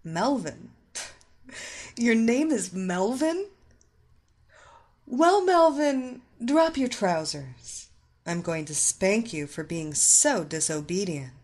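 Brief: a commanding female hypnotist, put on by a woman reader, slow and lilting. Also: lowish voice, very animated, exaggerated voice. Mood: mocking. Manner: slow, soft, domineering commands.

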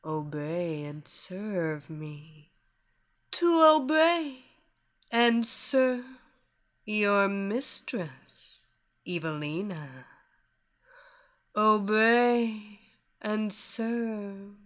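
A woman voicing a commanding, seductive female hypnotist who draws her listener into her power with a slow, soothing, repetitive cadence. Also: mid-range voice, expressive, fairly bright tone. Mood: hypnotic, commanding. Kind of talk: hypnosis story reading.

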